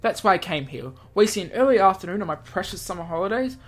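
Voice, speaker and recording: In a let's play with background music, a gaming host reads through a visual novel, tossing in spontaneous asides and tripping over words. He talks fast in a high-pitched, expressive voice.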